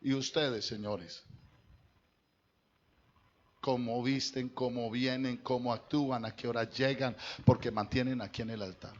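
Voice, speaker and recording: A man's voice: medium pitch, steady tone, unhurried, pauses often, a little mellow, lo-fi sound. A man, a pastor preaching a sermon to his congregation in a conversational way, talking straight to them. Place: church.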